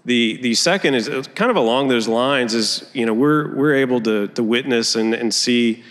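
Church elder guy sharing thoughts, bit halting, smooth clear voice, echoey hall. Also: mid-range voice. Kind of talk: informal testimony to a congregation. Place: large indoor church gathering room. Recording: reverberant hall, amplified speech.

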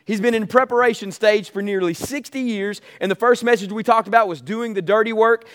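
An American man delivers a sermon in a high-pitched voice. He exhorts his listeners like a pastor, pressing key phrases by repeating them and calling for agreement. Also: brisk, a bit bright. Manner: exhortative, calls on listeners to say amen; emphatic repetition of key phrases. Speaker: pastor preaching to a congregation.

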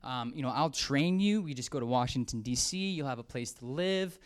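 A preacher putting on a slick salesman buddy, lower and softer than his own voice. He talks in an easygoing, persuasive way. The voice stays relaxed and lively. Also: brisk, clean tone, lightly acted. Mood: breezy persuading. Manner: persuasive, easygoing, soft-spoken. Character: smooth-talking young male salesman friend.

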